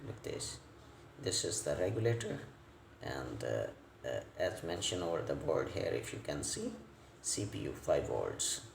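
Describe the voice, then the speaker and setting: Giving an unplanned hands-on repair demonstration, a male electronics technician with a first language other than English speaks slowly and haltingly, in fragments with repeated words. His gravelly, low voice makes big pitch swings, and the indoor room adds echo and faint background noise.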